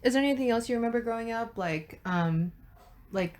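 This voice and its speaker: A woman's voice: on the high side, animated, fairly quick, darkish tone. Young woman interviewing, tentative and filler-heavy. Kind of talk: student oral history interview.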